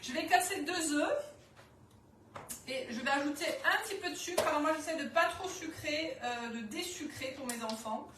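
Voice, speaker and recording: A woman's voice: high voice, moderate pace, roomy sound, recorded from a distance, noisy background. A woman from southwest France with a Toulouse-area accent, chatting casually and hesitantly as a cookware consultant during a live cooking demonstration. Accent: southwest French, Toulouse area. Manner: chatty, hesitant, many fillers.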